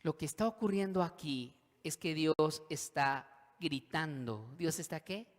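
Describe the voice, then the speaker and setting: Male pastor, fairly high voice, dramatic sermon delivery with acted-out inner voices, long hall echo. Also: unhurried. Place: church hall.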